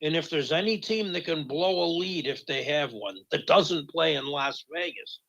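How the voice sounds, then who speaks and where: A man hosting a sports radio show, measured and brief as he leads through the football games. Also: a little high, creaky, fairly bright tone, lo-fi sound.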